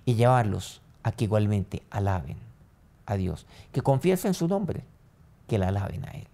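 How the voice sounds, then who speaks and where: A man pastor preaching a sermon and leading a prayer, his voice swinging from loud rising lines to soft low ones. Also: very animated, normal speed, vocal fry. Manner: preaching with sudden rises and soft drops.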